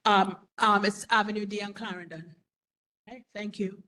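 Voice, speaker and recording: A woman's voice: medium pitch, fairly even intonation, normal speed, sharp tone, low-quality recording. A woman in her forties, a restaurant owner, speaking at a community meeting in an earnest, rambling way with many "you know"s. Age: 40s. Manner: earnest, repeats herself, fillers like "you know". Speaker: restaurant owner applying for a license. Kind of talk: public comment at a community meeting.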